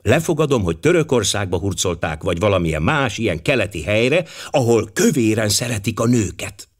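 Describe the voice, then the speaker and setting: A man voicing an excitable, gullible young housemaid in an audiobook, eager and quick to gush. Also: on the low side. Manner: breathless, eager.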